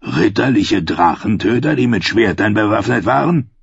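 A man voicing a sardonic old male archmaester, speaking dryly and with quiet menace. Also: fairly low pitch, lively intonation, vocal fry, husky, no echo, exaggerated voice. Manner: dry, menacing, unhurried. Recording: dull, dry lo-fi recording.

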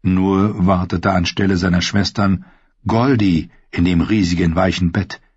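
A man reading scripted narration for an audiobook in a steady, measured way. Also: low voice, husky, dry recording. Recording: slightly dull dry studio recording.

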